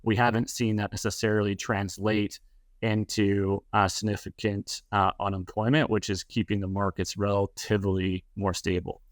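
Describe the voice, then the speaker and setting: Hesitant Canadian man, low flat voice. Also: moderate pace, no echo, clean studio sound. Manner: hesitant, many fillers and restarts. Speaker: real estate advisor guest. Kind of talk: podcast interview answer.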